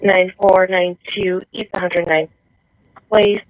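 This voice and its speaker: A man's voice: high-pitched, flat delivery, slow, no echo, muffled recording. A man speaking as a police officer over a police radio, giving clipped call-outs. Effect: police radio transmission. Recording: thin distant radio audio.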